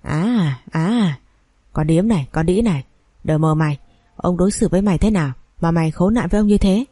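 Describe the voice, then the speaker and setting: A woman voicing a drunken, abusive older husband who snarls curses and rapid threats. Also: lowish voice, warm tone, breathy edge, no room sound, studio quality. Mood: enraged.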